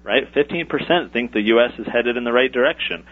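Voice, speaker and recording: A man's voice: medium pitch, a little fast. A man speaking as an author and regular radio guest, articulate and lecturing. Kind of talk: political talk radio discussion. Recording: thin phone-like radio audio.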